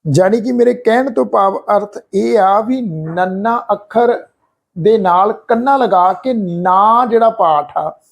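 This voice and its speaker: A man giving an earnest religious pronunciation lesson, slowly chanting scripture lines as examples. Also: sits high, vocal fry. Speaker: Gurbani pronunciation teacher.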